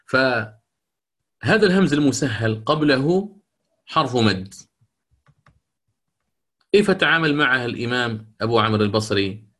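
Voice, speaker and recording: A man's voice: mid-range voice, expressive, a bit bright. Man teaching recitation rules. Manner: explains with questions he answers himself, chants the verse slowly in demonstration.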